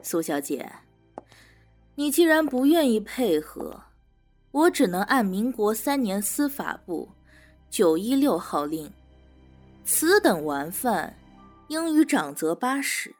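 A woman's voice: fairly high pitch, very animated, unhurried, long pauses. A woman voicing a teasing, smug female prison warden and interrogator in an audio drama, with faint music behind. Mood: menacing.

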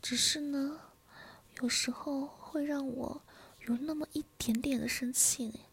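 A woman's voice: high voice, fairly even intonation, a little slow, creaky. A woman narrating a whispered role-play in the second person, with a taunting, domineering and menacing manner.

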